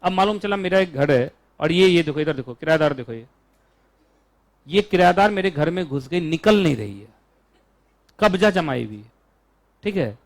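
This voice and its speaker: A man with an Indian accent teaching a law class, chatty and joking, stretching out key terms slowly. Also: on the high side, lively intonation.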